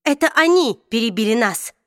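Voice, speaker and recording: A woman's voice: fairly high pitch, lively intonation, a little fast, fairly bright tone, no echo, clean studio sound. A woman reading an audiobook, voicing a bitter, proud middle-aged woman who accuses and argues intensely. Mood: bitter, heated.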